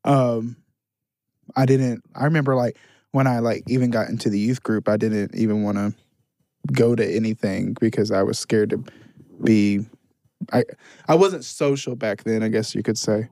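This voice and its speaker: A man's voice: on the low side, steady tone, normal speed, warm tone, dry recording, studio quality. A man in his twenties chatting casually on a podcast, reflective and hesitant with many fillers. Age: 20s. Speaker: podcast co-host. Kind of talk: casual chat.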